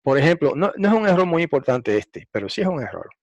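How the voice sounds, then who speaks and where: A man teaching a recorded Bible lesson, explaining patiently and repeating points for emphasis, with frequent fillers and throat clearing. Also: a little high, big pitch swings, fast talker, dry recording, dull audio.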